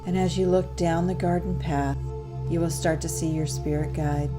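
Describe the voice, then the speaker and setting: A woman narrating a guided meditation in a calm, soothing, unhurried and measured way. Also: deep voice. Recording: New-age music under the voice. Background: New-age music.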